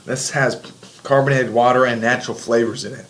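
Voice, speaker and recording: A man's voice: mid-range voice, steady tone, a little fast, fairly bright tone, a little hiss or hum. A man chatting casually to the camera as a vlogger.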